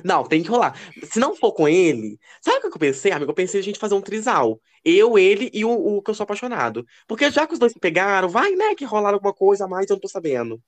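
Animated gossipy young man. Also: fast talker, few pauses. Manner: expressive, lively pitch. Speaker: podcast co-host. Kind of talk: casual chat.

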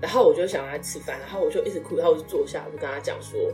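A woman's voice: low voice, racing, recorded from a distance, faint music behind. A woman in her thirties, a guest in a casual chat, telling a personal story with feeling and acting out what people said. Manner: emotional storytelling, animated quoted speech.

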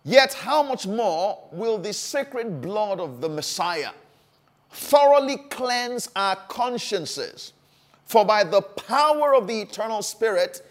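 A man preaching a sermon, stressing phrases by repeating them, with frequent fillers and restarts. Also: high voice.

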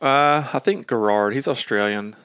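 A man co-hosting a laid-back podcast who chips in with short quips and easy agreement. His voice sits at an ordinary pitch. The sound is close and dry, with no room around it. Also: normal speed, fairly bright tone, clean tone, dry recording. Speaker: podcast co-host. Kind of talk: casual podcast chat.

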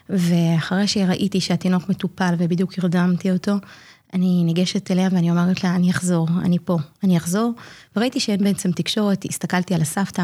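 A woman in her forties, a community nurse, telling a personal story in an interview, acting out what people said and pausing often to hesitate. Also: fairly low pitch. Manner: earnest, animated retelling that acts out quoted dialogue; frequent hesitation fillers. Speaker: community child-health nurse.

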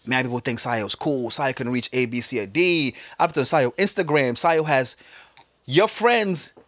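A man's voice: medium pitch, unhurried, no echo. A man hosting a casual podcast, loose and joking as he makes his points. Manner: loose, expressive, joking, mock voices. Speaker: podcast host. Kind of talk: casual banter.

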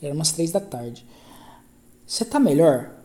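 Rambling Brazilian man, mellow voice. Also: on the high side, sing-song, moderate pace. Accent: Brazilian Portuguese. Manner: rambling, self-correcting, repeats phrases, slangy. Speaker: podcast host. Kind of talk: casual podcast storytelling monologue.

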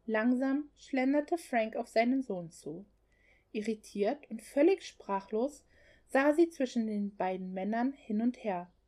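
A woman reads a novel aloud as an audiobook, with a slightly high voice. Her narration is scripted and expressive, shaped like storytelling. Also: a little slow.

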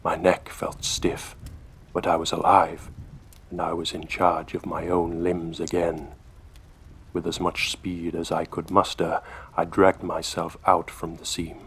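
A man hosting a horror story podcast, narrating a scripted tale in a measured, hushed way. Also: low-pitched, monotone, a little hiss or hum. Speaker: host and storyteller.

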